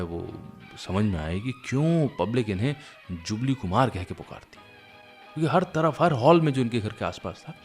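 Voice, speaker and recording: With music running in the background, a man hosting a radio music show tells stories in a conversational tone, addressing his audience directly. His voice is medium in pitch with a darkish tone.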